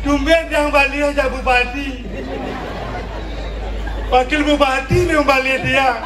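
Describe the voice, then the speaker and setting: A Balinese-accented man works a live audience as a traditional stage comedian. His voice sits very high, and he teases and repeats phrases for effect. He is heard from a distance through an echoey space, with loud crowd laughter around him. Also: little pitch movement, a little slow, heavy background noise. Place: large performance stage with audience.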